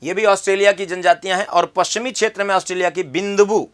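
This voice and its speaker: A man's voice: sits high, fairly even intonation, fast talker. A man teaching an exam-prep geography lesson, repeating key terms and quizzing the viewer with questions.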